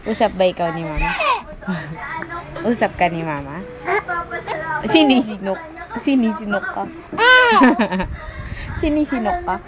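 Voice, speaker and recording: A woman's voice: medium pitch, big pitch swings, slow pace, long pauses, a loud crowd, low-quality recording. A mother cooing at her baby in sing-song baby talk, repeating questions and laughing often, recorded at home on a camera. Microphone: handheld camera mic.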